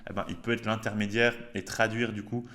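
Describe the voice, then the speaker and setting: A man hosting a casual tech demo, talking in a relaxed, chatty way with slang and frequent hesitations. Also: lowish voice, brisk. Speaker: host.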